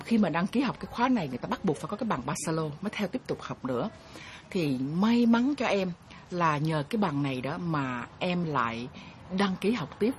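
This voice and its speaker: A woman's voice: lowish voice, a little hiss or hum. A woman hosting her own show, telling viewers a story in an earnest, chatty way and referring to herself by name. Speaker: host. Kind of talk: casual storytelling talk to viewers.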